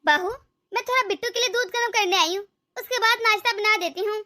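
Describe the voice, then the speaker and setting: Older cartoon mother-in-law, grumbling and tired, shrill high tone. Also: fast talker, bright, forceful tone. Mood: weary. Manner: weary, grumbling self-pity. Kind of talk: cartoon dub voice acting.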